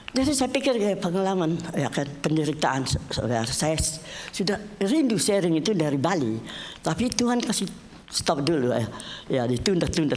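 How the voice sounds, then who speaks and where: A woman's voice: darkish tone, slight background noise. Chatty woman pastor preaching. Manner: chatty, swings between raised exclamations and low murmurs; addresses listeners often, mixes in English phrases. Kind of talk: conversational sermon. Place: church service.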